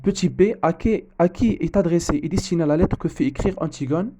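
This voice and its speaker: A man correcting an exam as a teacher, often pausing on fillers and restarting his sentences. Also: on the high side, noisy background. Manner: hesitant, frequent fillers and restarts. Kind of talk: exam correction lesson, reading the text aloud.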